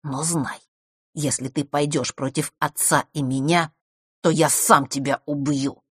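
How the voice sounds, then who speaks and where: A woman's voice: deep voice, steady tone, a little slow, fairly bright tone, husky, dry recording, studio quality, full character voice. A woman reading a storybook and voicing a hostile, contemptuous teenage boy who speaks curtly and grudgingly. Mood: cold. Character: hostile scornful teenage boy, the girl's brother.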